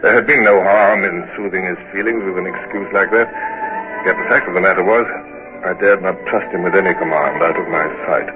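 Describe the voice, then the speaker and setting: A man's voice: low voice, brisk, music in the background, close to an everyday voice. An actor playing a formal, self-doubting naval officer who commands and narrates his campaign in a radio drama. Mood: reflective. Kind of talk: radio drama acting and first-person narration. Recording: dull, noisy old radio drama recording.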